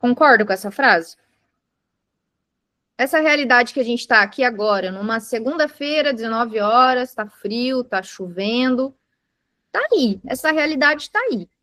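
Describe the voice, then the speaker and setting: A woman's voice: a little high, lively intonation, measured pace, sharp tone, dry recording, clean studio sound. A woman teaching mindfulness to a live group, patiently explaining with everyday examples and asking the class questions. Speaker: mindfulness instructor. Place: indoor room with a live group.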